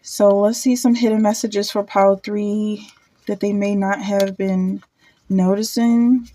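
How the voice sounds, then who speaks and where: A woman giving a casual pick-a-card tarot reading, thinking aloud with halting restarts and repeated words. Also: medium pitch, level tone, warm tone.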